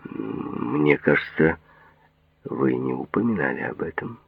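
A calm, cautious psychoanalyst, as a male narrator voices him, speaking in measured, restrained phrases. His voice is very low and husky. It comes through a narrow, phone-like sound. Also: no echo, exaggerated voice. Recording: thin phone-like audio.

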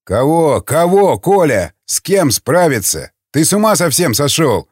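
A man's voice: fairly high pitch, sing-song, unhurried, breathy edge, dry recording, clean studio sound, heavily acted. A man voicing a blunt, worried male comrade. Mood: bewildered.

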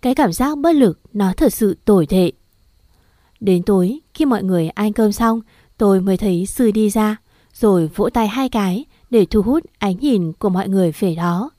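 A woman's voice: mid-range voice, normal speed, warm tone, dry recording. A young woman tells a first-person story in a close, dry recording. She voices the other characters herself and lets her pleas rise into cries when the scene turns desperate. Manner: acts out the dialogue, pleading cries.

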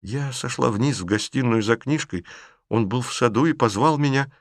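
A man voicing a gentle young woman who answers in a quiet, subdued way in an audiobook reading. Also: mid-range voice, moderate pace, dry recording, clean studio sound, natural voice.

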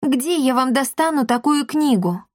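A woman's voice: sits high, expressive, unhurried, no echo, pitched above the performer's own voice. Woman doing a curious wary young girl, lifted voice, dry sound. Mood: questioning. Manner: surprised questioning.

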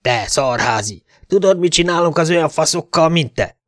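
A man voicing a loud, aggressive male highway cop in an audiobook, shouting in a raised voice. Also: lively intonation, dry recording, clean studio sound, lightly acted. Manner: shouting, crude, raised pitch.

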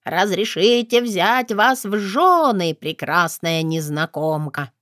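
A woman voicing a brash, cheeky male plant creature with slow, theatrical declarations. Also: on the low side, lively intonation, fairly bright tone, no echo, studio quality. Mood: grandiose.

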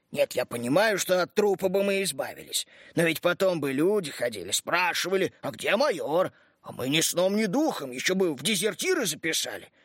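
A loud, exasperated old warrant officer who scolds and shouts, his voice riding high and sharp, as a male audiobook narrator puts him on. Dry, close sound with no room around it. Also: no room sound. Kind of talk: audiobook character reading.

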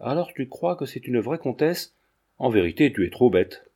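An earnest young man snaps back in a sharp, indignant way, played by a male narrator. His voice is mellow underneath the heat. He sounds protective and quickly provoked. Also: medium pitch, big pitch swings, husky.

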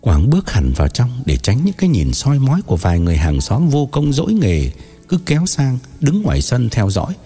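A man narrating an audiobook in an expressive, dramatic storytelling manner. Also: medium pitch, fairly quick, husky, faint music behind.

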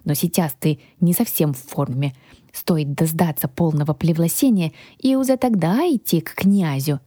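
Woman doing a fussy grumpy dragon guy, slow and drawly, dark husky voice, dry sound. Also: low-pitched, dry recording. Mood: lecturing. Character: grumpy male dragon guardian, bossy and fussy. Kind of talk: audiobook reading.

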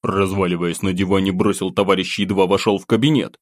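Low voiced guy reading an audiobook in first person, calm and a bit wry, dry close mic. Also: brisk, dry recording. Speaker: audiobook narrator.

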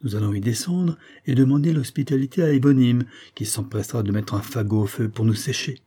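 A man's voice: mid-range voice, fairly quick, dark tone, breathy edge, lightly acted. A man voicing a proud, impulsive young woman in a storybook reading, speaking curtly and haughtily. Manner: curt, haughty.

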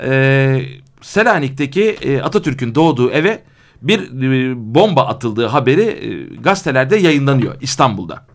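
A man who is a guest in a radio studio lays out historical events at a slow, deliberate pace. He pauses often and fills the gaps with hesitation sounds, and his voice sits at an ordinary pitch. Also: fairly bright tone. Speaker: studio guest, legal scholar. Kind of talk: radio interview, explaining history.

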